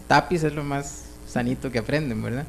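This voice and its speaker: A Costa Rican man as a radio show guest, relaxed and laughing easily as he explains things. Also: medium pitch, a little fast, vocal fry, a little hiss or hum. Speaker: guest, clothing brand representative. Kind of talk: casual radio interview.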